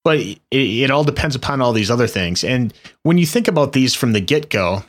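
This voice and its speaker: A man co-hosting a tech podcast, relaxed and thoughtful, talking ideas through in casual chat. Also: mid-range voice, a little fast. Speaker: podcast co-host.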